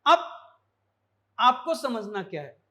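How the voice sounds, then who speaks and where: A man with a very high-pitched, sharp voice speaks slowly, his pitch swinging widely. In this explanatory video lesson on English, he quizzes students with repeated questions and calls them child in a fatherly manner, getting carried away by his own enthusiasm.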